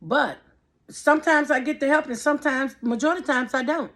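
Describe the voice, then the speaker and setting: A woman's voice: high-pitched, fairly quick, fairly bright tone. A woman in her fifties giving an impassioned personal faith testimony, repeating her phrases in a preacherly way. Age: 50s. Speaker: vlogger.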